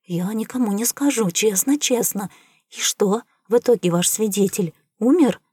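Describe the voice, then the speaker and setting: A woman voicing a gullible, excitable male alien trader who loves gossip, talking eagerly in an audiobook. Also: medium pitch, no room sound, clean studio sound, natural voice. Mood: eager, excited. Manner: eager, gasping, quick to believe. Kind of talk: audiobook character reading.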